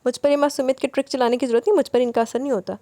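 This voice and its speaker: A woman reading a romance novel puts on a bossy young husband who scolds and lectures his wife, yet softens into tenderness. The delivery stays mellow and fairly high, recorded close and dry. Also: steady tone, no echo, natural voice. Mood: lecturing. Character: bossy, teasing young husband, stern but loving.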